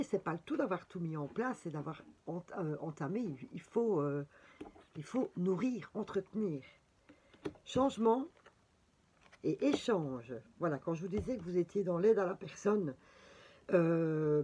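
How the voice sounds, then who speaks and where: A woman with a Belgian French accent chats her way through a tarot reading, her voice sitting a little low. She talks freely, with plenty of fillers and exclamations. Faint noise hums under the recording. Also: animated, unhurried, pauses often, warm tone. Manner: chatty, full of fillers and exclamations. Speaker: tarot reader. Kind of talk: casual horoscope reading.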